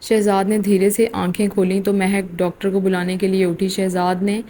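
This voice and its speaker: A woman narrating a romance novel aloud in a steady, even reading manner. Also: medium pitch, slight background noise. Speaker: audiobook narrator.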